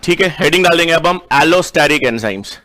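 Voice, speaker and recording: A man's voice: fairly high pitch, animated, normal speed, bright, forceful tone. A man from India teaching a biology class, chatty and joking, asking questions and answering them himself. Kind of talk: live online class lecture.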